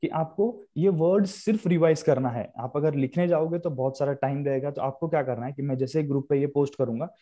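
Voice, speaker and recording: A man's voice: fairly high pitch, a little fast, few pauses, warm tone. A young man teaching English grammar in a live online class, explaining in Hindi with English terms and repeating key points.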